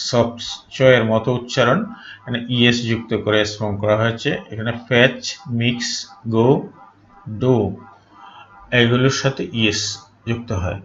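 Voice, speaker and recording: A man teaching grammar in a slow, deliberate, drilling way, each word set apart. His voice has a gravelly edge. The recording is dull and lo-fi, with a roomy echo around it. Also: mid-range voice, fairly bright tone. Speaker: English teacher. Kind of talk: grammar lesson. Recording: echoey room, dull lo-fi sound.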